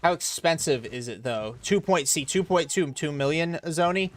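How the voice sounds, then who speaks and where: A man's voice: on the high side, moderate pace. A young American man from Florida, casually talking through a live game stream and answering chat. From Florida, USA. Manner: chatty, explains while playing, reads chat aloud.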